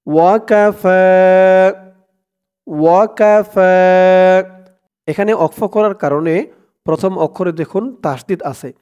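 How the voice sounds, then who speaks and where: A man teaching scripture reading, chanting verses in long drawn-out tones and asking viewers to repeat after him. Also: on the high side, a little mellow, muffled recording, soft background music. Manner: slow drawn-out chanting of verses, quick spoken explanations between. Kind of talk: recitation lesson.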